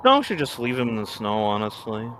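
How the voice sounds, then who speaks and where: Lively man teasing the game in dry quips. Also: medium pitch, fast talker, a little hiss or hum. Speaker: co-player commenting on the game. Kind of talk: joking commentary.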